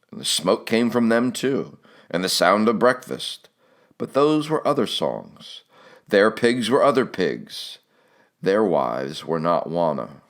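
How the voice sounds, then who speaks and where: A low-pitched man narrates literary fiction as an audiobook, reading in a measured, expressive way. His phrases tend to soften as they end.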